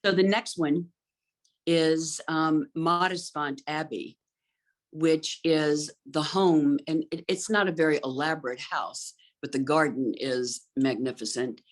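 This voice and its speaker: A middle-aged woman who works as an interior designer chats about gardens, thoughtful and fluent but with frequent "um" fillers. Her voice is deep and a little slow.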